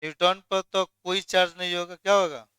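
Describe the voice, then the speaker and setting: A man's voice: high voice, steady tone, a little fast, pushed and bright, clear, resonant tone, dry recording. A man teaching chemistry in a classroom lecture, firing questions at students and then answering them himself.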